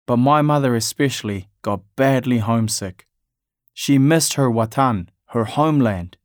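A man from Afghanistan narrating his family's story in a measured, reflective way. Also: mid-range voice, dry recording, clean studio sound.

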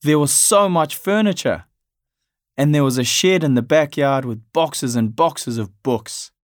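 A man from Afghanistan narrating his family's story in a measured, reflective way. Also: fairly high pitch, no echo, studio quality.

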